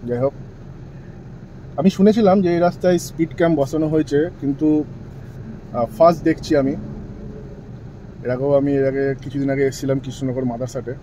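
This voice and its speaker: A man narrating his motorcycle ride in a casual, chatty running commentary, recorded outdoors on a highway with an action camera mic. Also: fairly even intonation, quick pace, pauses often, mellow, rough recording. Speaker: motovlogger host. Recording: traffic and road noise behind the voice.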